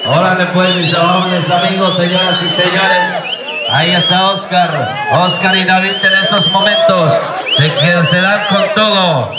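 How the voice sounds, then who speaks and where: A man's voice: sits high, steady tone, a little slow. A Mexican man working as a ring announcer in lucha libre style, calling the action live with showman catchphrases and rallying the crowd for applause. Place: outdoor rodeo ring before a packed crowd. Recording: echoing PA, distant, loud outdoor crowd noise.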